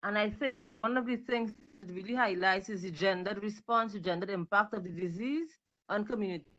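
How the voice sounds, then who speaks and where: A woman from Trinidad and Tobago, an audience member on a panel, comments emphatically during a video call discussion, repeating words for stress. Her mid-range voice is brisk and fairly bright, and the recording has its highs cut off.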